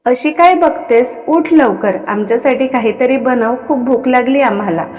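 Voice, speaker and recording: A woman's voice: sits high, normal speed, a little mellow, in a large hall, lightly acted. A woman voicing a smug, mocking young husband who teases his wife. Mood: teasing. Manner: smug, mocking, calls himself "we". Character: teasing arrogant young husband, man.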